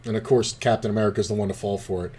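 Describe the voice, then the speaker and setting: Profane, rambling man with a low voice. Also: fairly even intonation, racing, a little mellow, a little hiss or hum. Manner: rambling, profane, laid-back storytelling. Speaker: poker streamer. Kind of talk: casual commentary while playing online poker.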